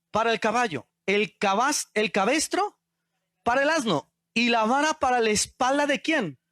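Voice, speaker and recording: A man's voice: very high voice, fairly bright tone, no echo, clean studio sound. A male pastor preaching a sermon and asking the congregation questions. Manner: asks the congregation questions, call-and-response.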